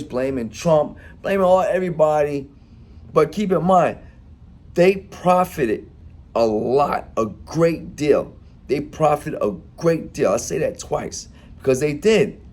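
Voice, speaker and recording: A man's voice: mid-range voice, a little mellow. A man talking straight to his audience in an opinion monologue, emphatic and informal, firing off rhetorical questions. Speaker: commentator.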